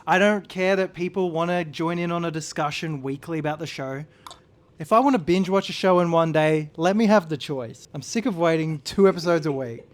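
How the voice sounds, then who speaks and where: A man's voice: on the high side, fairly quick. A thirty-year-old man, a guest on a podcast, chatting casually in a laid-back, dry way and playing devil's advocate. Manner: laid-back, dry, argues the other side. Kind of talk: casual chat.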